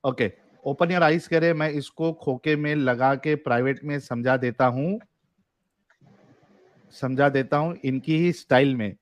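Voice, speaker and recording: This livestream debate show host has a mid-range voice and an unhurried delivery, with no echo present. He laughs a lot and keeps it jokey while reading viewers' comments aloud.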